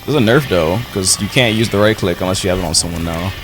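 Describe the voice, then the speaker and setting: A young man giving casual live gameplay commentary, slangy and profane as he thinks out loud. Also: low-pitched, quick pace. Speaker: video game streamer. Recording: loud game music behind the voice. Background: video game music and effects.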